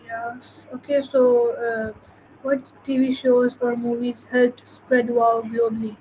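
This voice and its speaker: Slow, hesitant woman with a flat voice. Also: a little high, slight background noise, rough recording. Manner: hesitant, halting, many pauses. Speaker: host asking questions. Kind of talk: casual chat, asking questions.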